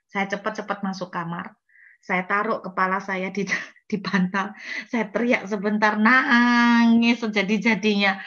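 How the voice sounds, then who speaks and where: Woman pastor, sermon, bright voice, speech, slightly muffled recording. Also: medium pitch, a little slow. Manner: lively, conversational preaching with acted-out cries.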